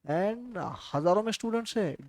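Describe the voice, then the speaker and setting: A man's voice: high voice, expressive, moderate pace, a little mellow, no room sound. A man from India giving a casual, chatty classroom lecture, telling stories and asking his students questions.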